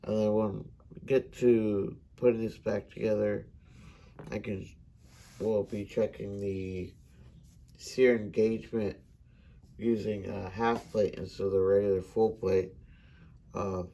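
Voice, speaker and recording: An American man, a gunsmithing student, giving an unhurried instructional demonstration with frequent hesitations. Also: on the low side, flat delivery, creaky, dark tone.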